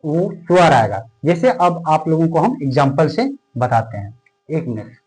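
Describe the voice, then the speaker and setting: Fairly high-voiced man teaching a class. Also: big pitch swings, a little mellow, rough recording. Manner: asks questions and answers them himself, repeats key terms; stretches words out slowly while writing. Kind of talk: classroom board lesson.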